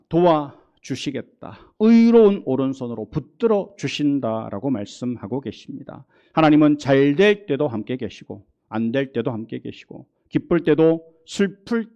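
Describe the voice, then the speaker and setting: Lively Gyeongsang pastor preaching. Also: male voice, mid-range voice, gravelly, dull audio. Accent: Gyeongsang Korean. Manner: conversational preaching, acts out God's reassuring voice. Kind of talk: sermon. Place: church sanctuary.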